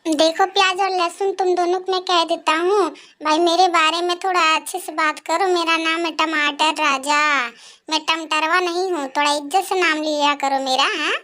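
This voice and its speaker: A man's voice: very high voice, steady tone, moderate pace, bright, forceful tone. A man voicing a proud, touchy male tomato who was once king of the vegetables, with an indignant, argumentative manner. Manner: indignant, demands respect, argumentative. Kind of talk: cartoon voice acting.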